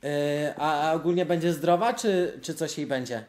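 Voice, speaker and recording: A man's voice: fairly high pitch, moderate pace, darkish tone, a little hiss or hum. A man in his twenties, a streamer, chatting casually on a phone call from his room. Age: 20s. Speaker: live streamer making a call. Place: room at a desk, indoors. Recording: roomy indoor echo.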